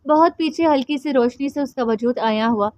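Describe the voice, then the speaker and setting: A woman narrating a romance novel audiobook in an expressive, dramatic storytelling manner. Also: sits high, normal speed, no echo. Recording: dry, slightly dull audio.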